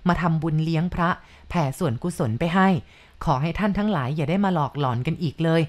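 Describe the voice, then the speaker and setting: A frightened older mother pleading with spirits in a slow, earnest voice, as a woman storyteller puts her on. Her voice sits a little low and speaks with careful, drawn-out words. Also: natural voice.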